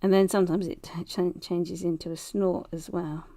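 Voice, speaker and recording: Woman with a nervous giggle, mellow voice. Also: on the low side, flat delivery, normal speed. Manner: frequent nervous giggling while talking; hesitant, rambling, self-conscious. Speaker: livestream host, painter. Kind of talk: casual chat while painting on a livestream.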